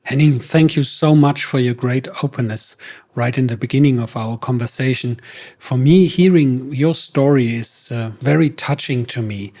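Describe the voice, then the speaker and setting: A man's voice: mid-range voice, moderate pace, warm tone. A man with a German accent hosting a podcast interview, asking questions in an earnest, effusive way. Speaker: podcast host.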